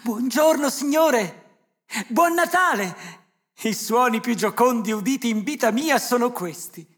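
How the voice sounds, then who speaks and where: A reader voicing an elderly male miser, speaking in high, excited exclamations. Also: unhurried. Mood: overjoyed. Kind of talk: audiobook character voice. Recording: glockenspiel music behind.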